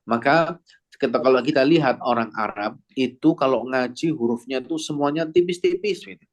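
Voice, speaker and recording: A man teaching Quran recitation to a class, asking questions and demonstrating sounds in slow, drawn-out recitation. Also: medium pitch. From Indonesia. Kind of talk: classroom lesson with audience replies.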